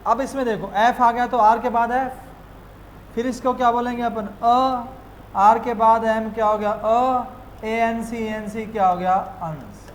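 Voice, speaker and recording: A man's voice: extremely high pitch, steady tone, unhurried, a little hiss or hum, poor audio. A man with an Indian accent teaching spoken English, asking questions and answering them himself as he drills words. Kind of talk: classroom lesson mixing Hindi and English.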